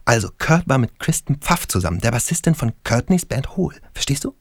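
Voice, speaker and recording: A man reading an audiobook, voicing a crude, excitable young stoner who works as a stonemason and speaks in a blustery way. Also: high-pitched, quick pace, dry recording, pitched above the performer's own voice. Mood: conspiratorial. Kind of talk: audiobook character voice.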